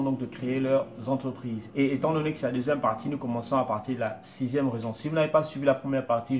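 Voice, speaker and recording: Speaking to camera in a motivational talk, a man coaches viewers on how to start a business, going step by step and repeating his points. His voice is medium-pitched and a little mellow.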